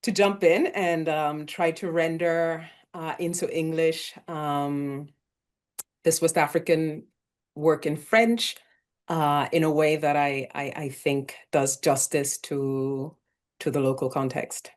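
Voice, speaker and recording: A woman's voice: deep voice, little pitch movement, slow pace. A woman who grew up in Kenya, speaking as a literary translator on an online panel, thoughtful and hesitant with many fillers and restarts. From Sierra Leone and Uganda, raised in Kenya. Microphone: video call.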